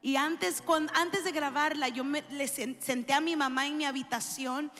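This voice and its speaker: High-voiced woman giving testimony. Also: steady tone, moderate pace. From New York. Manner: warm, engaging, questions the audience. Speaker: worship singer. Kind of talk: testimony to a church audience. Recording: echoey hall with soft music.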